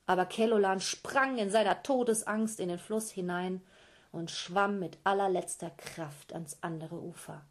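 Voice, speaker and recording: Slow, lively woman storyteller. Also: mid-range voice. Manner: lively, addresses listeners directly. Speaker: storyteller for children. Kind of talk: storytelling to children.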